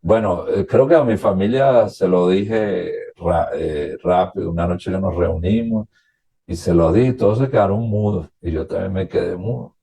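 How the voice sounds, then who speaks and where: A priest from Venezuela, a man, telling his own story as a radio interview guest, recounting past conversations in a halting, reflective way. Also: low voice, gravelly, dark tone, breathy edge.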